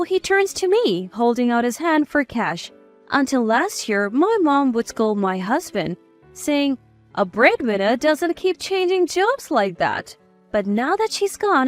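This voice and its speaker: A woman in her sixties telling a first-person story in a measured, confiding way. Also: on the high side. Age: 60s. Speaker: narrator.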